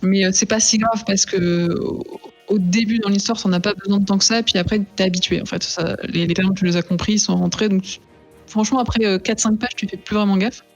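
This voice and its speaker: A woman reviewing comics on a podcast, in measured and casual chat with some slang. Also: medium pitch, steady tone, muffled recording, soft background music.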